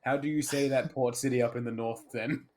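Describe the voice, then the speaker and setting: A man's voice: mid-range voice, steady tone, a little fast. A young Australian man chatting casually on a voice call, telling wry stories with frequent laughs. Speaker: player. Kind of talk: casual chat.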